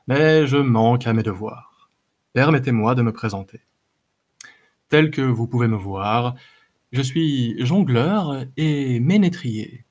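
A man's voice: medium pitch, slow, darkish tone. A man voicing a courteous, fussy wandering minstrel with a flowery, prim manner in a read-aloud story. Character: dainty, polite wandering male minstrel, fussy. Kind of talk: audiobook character voice.

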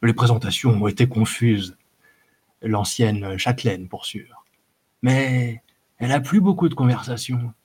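A man reading as a greedy, crafty bandit chief who drawls and hesitates as he sizes up his prize. The husky voice sounds coarse and sly, a storybook rogue. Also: mid-range voice, unhurried, darkish tone. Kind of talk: audiobook character voice.

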